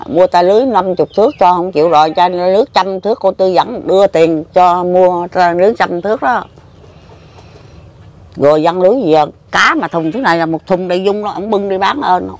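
A woman's voice: fairly low pitch, darkish tone. Emotional older woman with a Southern Vietnamese accent. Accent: Southern Vietnamese, Mekong Delta. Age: 70s. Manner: plain-spoken, repetitive, emotional. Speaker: interviewee. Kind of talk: casual rambling recollection.

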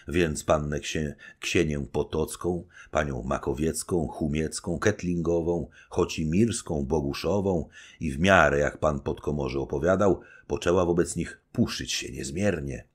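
Deep, husky amateur audiobook narrator. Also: male voice, normal speed, few pauses. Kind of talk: audiobook narration of a classic novel.

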